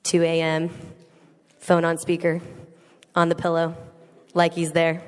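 A woman giving a comedic talk to a live audience, animated and teasing, acting out quoted voices. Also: fairly low pitch, a little slow, clean tone. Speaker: speaker. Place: large hall with an audience. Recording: echoey hall with faint noise.

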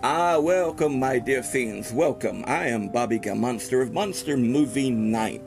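Man playing a slow, creaky-voiced horror host. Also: mid-range voice, over music. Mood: welcoming, theatrical. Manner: hammy, drawn-out, savoring delivery with sinister chuckles. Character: genteel, ghoulish male vampire-like horror host in top hat. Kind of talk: theatrical horror-host promo monologue. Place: small dressed indoor set.

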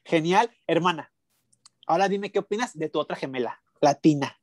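A camp, chatty man with a high voice for a man, recorded close and dry. He eagerly agrees with his co-host and delivers flat, dismissive verdicts. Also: normal speed, no room sound. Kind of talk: casual chat reviewing a competition show.

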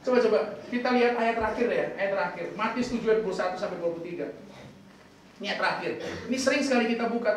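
In a church hall, an Indonesian pastor preaches a sermon in a playful, teasing way, firing questions at the congregation. His voice sits high, and he's far from the mic, so the sound is echoey with slight background noise.

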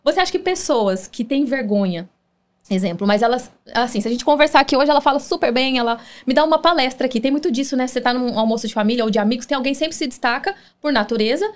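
Apresentadora brasileira animada, fala rápida e aguda. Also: female voice, high voice, fast. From Brazil. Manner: lively, conversational, leading questions. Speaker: podcast host. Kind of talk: casual interview chat.

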